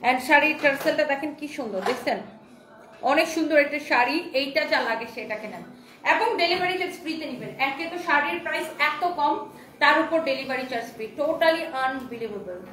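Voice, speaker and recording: High-voiced woman doing a live saree sale, chatty and eager, roomy echo. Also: animated, a little fast, fairly bright tone. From Bangladesh. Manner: chatty, enthusiastic sales patter. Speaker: online saree seller hosting a live stream. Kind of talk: live sales stream, reading viewer comments aloud.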